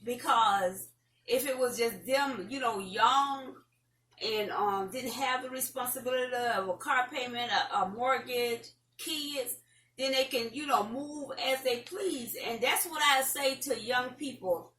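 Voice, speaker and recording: A woman's voice: high voice, unhurried, bright, forceful tone. A middle-aged woman with a Southern American accent, chatting casually and giving folksy, rambling advice to viewers as an online host. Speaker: host of an online talk show. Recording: roomy, distant mic, faint noise.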